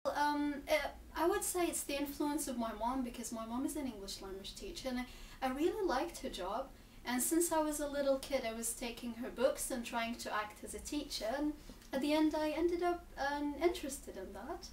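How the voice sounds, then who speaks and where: A woman's voice: high voice, expressive, moderate pace, a little mellow, slight background noise. A woman, answering interview questions thoughtfully, with frequent ums and restarts. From Gaza Strip, Palestine. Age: 20s. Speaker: interviewee, English teacher and graduate student. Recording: echoey room, mic at a distance, faint ambience.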